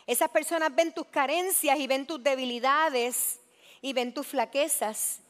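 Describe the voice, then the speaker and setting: A woman's voice: high voice, measured pace. A woman pastor giving an earnest personal testimony, acting out the things people said to her. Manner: earnest, confessional, acts out quoted dialogue. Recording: music playing behind her. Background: music.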